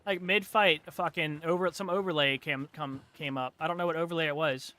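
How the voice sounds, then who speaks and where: A young man streaming a game, ranting in frustration and swearing, with loud outbursts. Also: on the high side, steady tone, fairly quick. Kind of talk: live game stream commentary.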